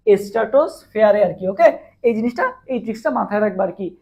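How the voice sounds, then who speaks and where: This online chemistry teacher, a man with a Bangladeshi Bengali accent, speaks in a high, mellow voice at a quick pace with lively intonation. A long day of teaching has left him hoarse as he repeats questions and drills his students live.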